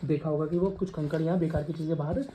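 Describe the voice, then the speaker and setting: A male science teacher with a Western Uttar Pradesh Hindi accent lectures a class, calling students "beta" and asking and repeating questions. His slightly high voice is steady, mellow and fast, with a little hiss or hum.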